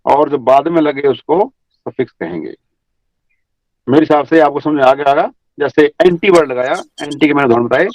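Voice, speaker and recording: A man's voice: on the high side, no room sound, muffled recording. A middle-aged man from India teaching an English class online, going over examples again and again. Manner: slow, repeats examples, mixes English terms into explanations.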